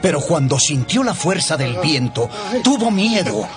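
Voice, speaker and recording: A man narrating a Bible audiobook in a measured, expressive storytelling manner. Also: fairly high pitch. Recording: narration over background music.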